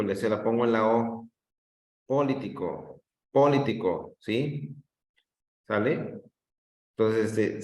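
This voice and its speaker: Guy teaching an online class, low voice, keeps stretching out syllables, bit echoey. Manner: drawn-out demonstrations of stress, frequent checks with "¿sí?". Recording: roomy echo.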